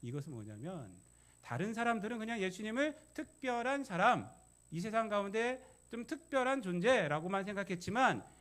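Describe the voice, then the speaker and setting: Guy preaching a sermon, high pitched and super animated, keeps repeating himself and asking the congregation stuff. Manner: emphatic, repeats key phrases, questions the congregation. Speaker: pastor.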